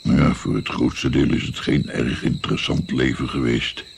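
The same role appears again: a 76-year-old Italian-born grandfather, weary and weighed down by guilt, voiced by an actor in a radio drama. This time the very deep, gravelly and creaky voice holds a steady tone as he reminisces, brooding and pausing. Faint noise and chirping night crickets fill the background.

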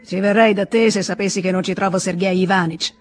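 A reader voicing a drunk, frightened, volatile grown man in an Italian audiobook reading, with excited pleading outbursts. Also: mid-range voice, a little fast, faint music behind, lightly acted. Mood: wistful.

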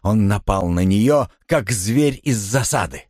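A man reading a novel aloud as narrator, in a dramatic, expressive manner. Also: lowish voice, slow, dry recording, clean studio sound. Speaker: audiobook narrator. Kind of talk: scripted narration.

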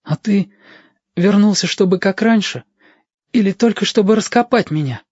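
A man's voice: sits high, normal speed, darkish tone, husky, dry recording, voice pushed up. A man reading an audiobook voices an anxious, eager young boy with pleading, breathless questions. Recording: dull, dry lo-fi audio.

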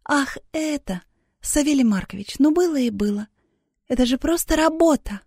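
A woman's voice: sits high, animated, moderate pace, a little mellow, dry recording, studio quality. A young woman playing a coy, slyly manipulative female academic, speaking firmly and playfully in audiobook dialogue.

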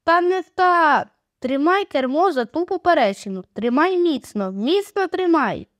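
A woman's voice: high-pitched, animated, normal speed, no room sound. A woman voicing a bossy young boy captain who barks orders at his friends. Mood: urgent. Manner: commanding, impatient shouting.

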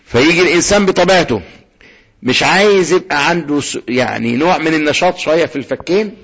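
A man's voice: a little high, animated, a bit bright, muffled recording. Egyptian man teaching Quran recitation. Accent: Egyptian Arabic. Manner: asks questions and answers them himself, slow drawn-out recitation. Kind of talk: tajweed lesson with recitation.

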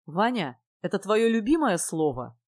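A woman's voice: medium pitch, sing-song, moderate pace, a little mellow, slightly rough, no room sound, studio quality. A woman voicing a hesitant, irritable young male student in love. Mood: strained. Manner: hesitant, faltering.

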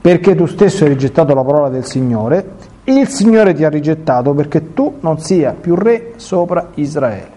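A stern elderly prophet, read by a man delivers a grave rebuke. The voice is fairly high yet mellow and soft-edged. It is a plain reading with little acting. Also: animated, moderate pace.

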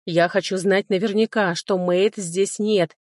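A woman's voice: medium pitch, fairly even intonation, unhurried, a little mellow, no echo, lightly acted. A woman voicing a furious male duke and mage, barking orders in a commanding voice. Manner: commanding, demanding.

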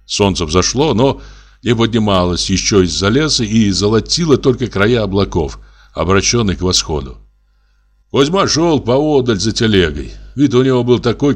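A man's voice: on the low side, expressive, normal speed. Man reading a classic story aloud. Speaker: audiobook narrator. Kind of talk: literary audiobook reading.

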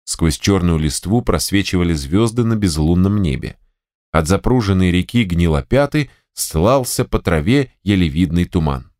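A man with a low voice narrates an audiobook expressively. His intonation moves a great deal from phrase to phrase. The recording is dry and close. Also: normal speed, no room sound. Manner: expressive storytelling.

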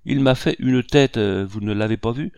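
A man's voice: mid-range voice, normal speed, gravelly, a little mellow, smooth, no echo, natural voice. A man voicing a nervous, tearful little woman in her forties in an audiobook, complaining in an agitated, wounded way. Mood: upset. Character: fussy, tearful little woman past forty.

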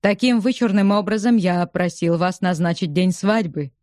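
An unflappable gentleman speaking in a deadpan, drily ironic way, as a woman narrator voices him. He appears in a storybook reading. The recording is close and dry. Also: on the low side, normal speed, dry recording, natural voice.

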